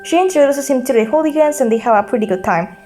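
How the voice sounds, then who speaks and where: A woman's voice: sits high, expressive, fast, rough recording. A woman narrating a fan story in a casual, recorded voice-over, with a wry, offhand, joking delivery. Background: soft game soundtrack music.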